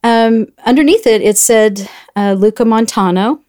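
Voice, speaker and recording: A woman's voice: on the high side, normal speed, warm tone, smooth. A middle-aged woman chatting as a guest, telling a story and acting out the voices she quotes. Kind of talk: casual storytelling chat.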